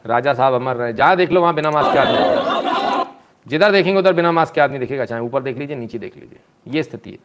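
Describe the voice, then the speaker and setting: A man's voice: medium pitch, fast, crowd noise, background noise. A man, giving sarcastic live news commentary, mocking and scolding the people in the clips and answering viewer comments.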